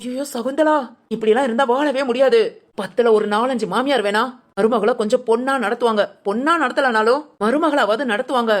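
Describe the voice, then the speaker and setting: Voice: medium pitch, brisk, close to an everyday voice. A voice actor doing a bossy, blunt cartoon neighbor woman. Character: bold outspoken young woman, a neighbor and friend. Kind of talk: cartoon family drama voice acting.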